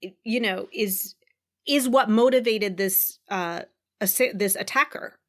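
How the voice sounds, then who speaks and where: A woman co-hosting a podcast, speaking in a thoughtful, measured way in casual conversation. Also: mid-range voice, fairly bright tone. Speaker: podcast co-host.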